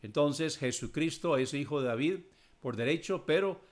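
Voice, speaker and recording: A man's voice: a little high, expressive. Man explaining Bible verses aloud. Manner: reads scripture verses aloud and explains them; measured, explanatory. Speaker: Bible teacher answering listener questions. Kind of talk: Bible question-and-answer teaching.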